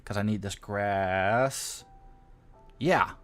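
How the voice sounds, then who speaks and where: Man, low voice, unhurried, casual streamer, mutters while working, faint music behind. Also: a bit bright. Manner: thinks aloud while working, mutters sound effects; rambling and self-deprecating. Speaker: streamer modding a game. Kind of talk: casual live-stream commentary.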